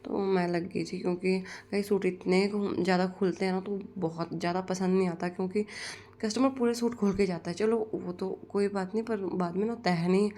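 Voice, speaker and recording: A woman's voice: medium pitch, steady tone, normal speed, dark tone. A young woman, casually narrating her day as a vlogger, rambling from one thing to the next. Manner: rambling, strings lines together with "so guys". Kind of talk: casual vlog voice-over narration.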